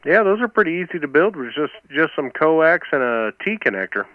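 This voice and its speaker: A man's voice: fairly high pitch, big pitch swings, fairly quick, dry recording, narrow, tinny audio. An American man hosting an amateur radio net, chatting casually and calling for check-ins over a two-way radio. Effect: heard over amateur two-meter radio. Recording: band-limited two-way radio.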